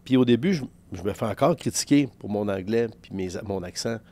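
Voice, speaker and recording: Storytelling Québécois sports journalist. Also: male voice, lowish voice, a little fast. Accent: Québécois French. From Quebec. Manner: animated anecdotes with quoted dialogue. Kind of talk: casual podcast interview storytelling.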